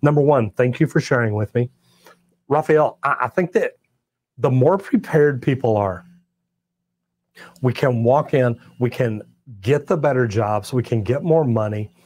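An older Texan master plumber hosts a casual livestream, answering chat questions in a folksy, plainspoken drawl like a natural storyteller. His medium-pitched, slightly mellow voice is unhurried and full of pauses. He's recorded on a clip-on lapel mic at a studio set lined with shelves of tools and merch.

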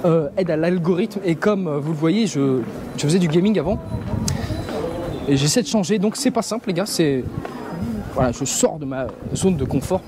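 Strolling down a busy traditional shopping street outdoors, a young Parisian man chats casually and slangily to a handheld camera held at arm's length, rambling as he goes. He speaks at normal speed in a fairly high, expressive voice, with street noise in the background.

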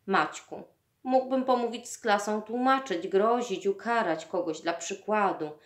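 A woman reading the lines of a calm, patient older male teacher in a measured, reasoning way. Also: mid-range voice, echoey room, close to an everyday voice.

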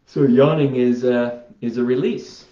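A man's voice: medium pitch, steady tone, dark tone. A man vlogging casually as he demonstrates a self-healing routine, rambling and talking to himself as he goes. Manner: unhurried, rambling, talks to himself. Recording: roomy, dull lo-fi sound.

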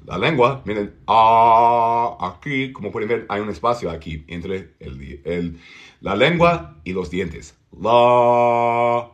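Slow, low-voiced man teaching pronunciation. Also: sing-song, a bit bright. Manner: slow, drawn-out demonstrations of vowel sounds. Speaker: English teacher. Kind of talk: pronunciation lesson.

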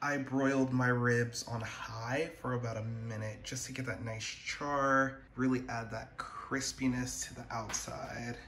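A man's voice: a little slow, hardly any pauses, background noise. A young man filming himself in his home kitchen on a phone held at arm's length, chatting playfully as he walks through a recipe. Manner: playful, chatty, lively pitch swings. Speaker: home cook sharing a recipe. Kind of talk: upbeat cooking video narration. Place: home kitchen and hallway, indoors. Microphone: phone camera held at arm's length. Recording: echoey home kitchen with faint ambience.

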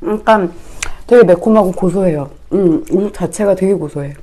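A woman hosting an eating show, murmuring soft tasting comments while talking with her mouth full. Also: fairly low pitch, moderate pace. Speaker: mukbang host.

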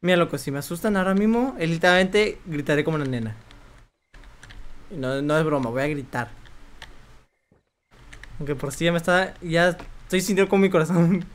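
A young man streaming a video game, commenting excitably, swearing often and yelping when startled. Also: a little high. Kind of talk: let's play commentary.

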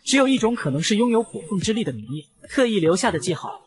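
A man's voice: sits high, sing-song, fast. A man voicing a cheeky, clever boy who is an older brother, with a mocking, teasing manner in a comic recap.

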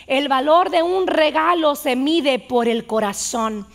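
A woman voicing a gentle mother explaining something patiently to her young son. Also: sits high, slow, vocal fry, full character voice. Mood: tender.

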